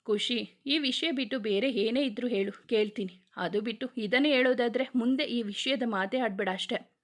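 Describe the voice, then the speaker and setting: A woman with a voice on the high side, close to her everyday voice, reads the lines of a short-tempered young male police officer at normal speed. Her delivery is stern, firm, forceful and scolding.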